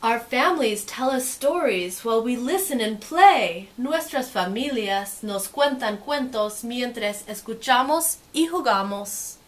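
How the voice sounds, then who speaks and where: In this bilingual picture-book read-aloud, a woman narrates expressively and drops her voice for relaxed side comments. She speaks on the higher side, unhurried, with hardly any pauses.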